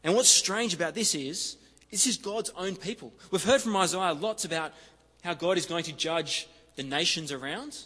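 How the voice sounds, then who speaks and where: A man delivers a sermon in a chatty, easygoing way and leans on repetition to drive his points home. His voice sits fairly high for a man. It rings out with the long reverb of a large hall. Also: moderate pace, sharp tone, slightly rough. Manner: conversational, leans on "kinda" and repeats for emphasis. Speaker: preacher. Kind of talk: expository sermon.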